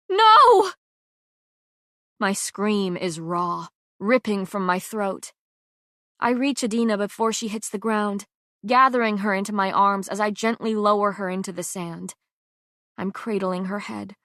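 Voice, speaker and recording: A woman narrating an audiobook in first person, reading slowly and deliberately with dramatic weight. Her voice sits at a middle pitch and the close recording is dry and free of room sound. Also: fairly bright tone, no echo. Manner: slow, measured, dramatic reading.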